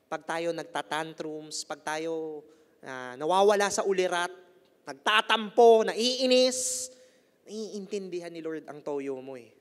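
A Filipino man preaching a lively sermon as pastor, mixing languages and acting out the lines he quotes. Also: a little high, slow pace. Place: church sanctuary. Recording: long hall reverb with guitar music.

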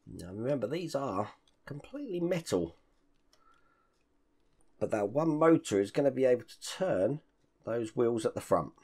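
A hoarse, husky hobby-channel host in his fifties speaks at a measured pace and pauses often, with animated rises and falls in his voice as he explains each step. His deep, rough voice is croaky after an illness and broken by occasional coughs. His casual hands-on model-build walkthrough is recorded in a home hobby room full of collectibles, and he chats while handling the parts.

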